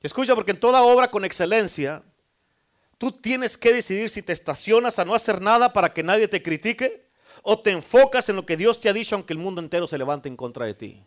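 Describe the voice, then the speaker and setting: A high-voiced male pastor preaches a sermon. He keeps the congregation in a call and response, asking again and again for an amen. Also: lively intonation, fairly quick.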